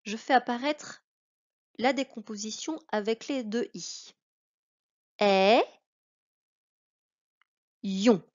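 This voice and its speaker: A woman's voice: fairly high pitch, measured pace, highs cut off. A woman teaching a reading lesson to children, patiently spelling out syllables one by one.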